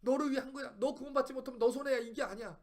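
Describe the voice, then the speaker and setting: Bible study teacher, male, very high voice, emphatic and repetitive, keeps asking the room questions. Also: very fast. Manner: emphatic, fires rhetorical questions at listeners; repeats phrases for emphasis. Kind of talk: preaching Bible study lesson.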